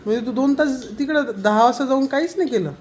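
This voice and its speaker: A young man with a very high voice chats fast, with slight background noise, in a laid-back family vlog recorded at home. Playful and teasing toward his family, he keeps addressing viewers directly.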